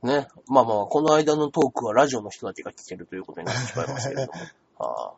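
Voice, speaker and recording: A man co-hosting a casual comedy chat stream, animated and reading viewer comments aloud. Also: mid-range voice, fast, vocal fry, husky. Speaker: radio and stream co-host. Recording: dull lo-fi stream audio.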